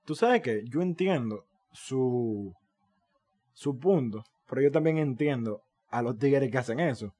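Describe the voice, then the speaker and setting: A young man with a Dominican Spanish accent tells stories in a loose, slangy way on a casual podcast. His pitch jumps up and down as he gets worked up, and he swears freely. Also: a little slow. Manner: animated, slangy storytelling with swearing. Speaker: podcast co-host. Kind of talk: casual chat.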